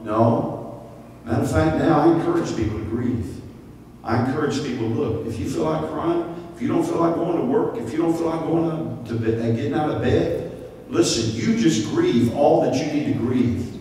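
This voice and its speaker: A man, preaching a sermon at a stand mic in a church, animated, with sudden high-pitched voices for the people he quotes. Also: normal speed, far from the mic, slight background noise. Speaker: pastor. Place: church sanctuary. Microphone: stand mic at lectern. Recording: echoey hall, from off-mic.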